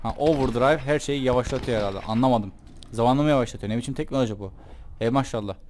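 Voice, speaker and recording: A man's voice: mid-range voice, fast, a little mellow, slight background noise. A man giving casual, joking let's-play commentary, chatting and teasing the game characters as he plays. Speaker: gameplay commentator.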